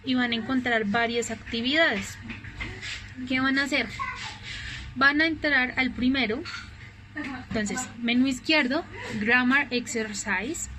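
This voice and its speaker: A woman teaching an English class in Spanish, a native Spanish speaker explaining examples patiently and slowly. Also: on the high side, sharp tone, a little hiss or hum, poor audio. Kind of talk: recorded online class explanation.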